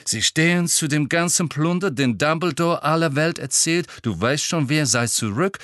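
A man's voice: on the high side, normal speed, fairly bright tone, dry recording, clean studio sound, voice pushed up, close to an everyday voice. A man voicing a pushy, scheming middle-aged woman reporter, gushing and prying in a storybook reading. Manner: gushing, prying, dramatic emphasis.

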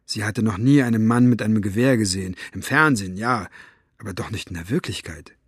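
Male audiobook narrator, measured delivery, close dry studio sound. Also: fairly low pitch, breathy edge, dry recording. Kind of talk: audiobook reading.

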